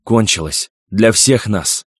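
A man's voice: on the low side, slow pace, husky, no echo. An anxious husband, grim and pleading, his voice lifted with strain, as a male narrator puts him on. He sounds close to the mic in a dry, dead space. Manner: pleading, urgent.

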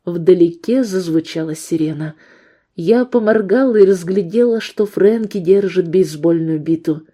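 A woman narrating a first-person story in a steady, even reading voice. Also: fairly low pitch, unhurried. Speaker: audiobook narrator.

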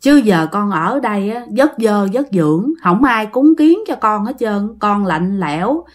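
A woman with a Southern Vietnamese accent voicing a kindly older village man who coaxes softly. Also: lively intonation, unhurried. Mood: coaxing. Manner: soft, low, coaxing.

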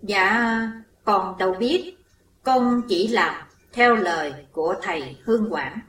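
A woman's voice: medium pitch, expressive, slow pace, a bit bright. A woman voicing a timid servant woman who is frightened and stammering, recorded in a roomy space away from the mic. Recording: roomy echo, distant mic.

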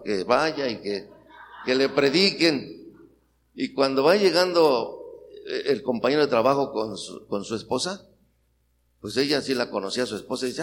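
A man's voice: mid-range voice, a bit bright. A middle-aged Mexican man preaching a sermon, rousing the congregation with questions, in a Mexican Spanish accent. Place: church hall. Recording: long hall reverb, faint noise.

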